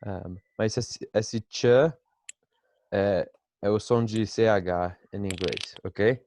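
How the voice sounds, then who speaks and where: Slow, low-voiced male teacher. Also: fairly even intonation, a little mellow, a little hiss or hum. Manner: patient, slow explaining with many "né?" checks. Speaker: English teacher. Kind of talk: online language lesson. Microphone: video call.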